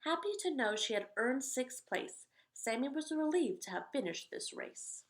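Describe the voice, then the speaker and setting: A woman leads a read-aloud of children's picture books, giving the rhymes expressive emphasis and chatting casually between them. Her voice is high and her speed normal.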